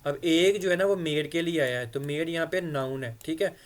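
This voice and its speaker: Speaking at a fairly high pitch, a man works through English phrases one at a time. Each line gets a slow, careful reading followed by a long explanation of its meaning.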